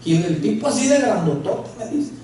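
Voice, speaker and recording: A man preaching a sermon as pastor, telling a story with lively acted-out dialogue. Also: high voice, a little fast, a little hiss or hum. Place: church sanctuary. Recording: echoey church hall, mic at a distance.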